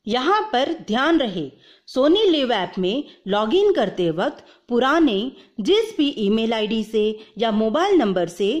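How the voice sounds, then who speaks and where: A woman with a fairly high, darkish voice presents a video tutorial, explaining the instructions step by step in voice-over and mixing English terms into her speech.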